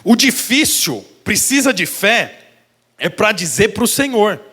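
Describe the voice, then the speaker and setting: High-voiced Brazilian pastor preaching. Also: male voice, big pitch swings, slow pace, sharp tone, husky. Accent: Brazilian Portuguese. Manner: storytelling with vivid illustrations, addresses the congregation directly. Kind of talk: sermon. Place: church sanctuary.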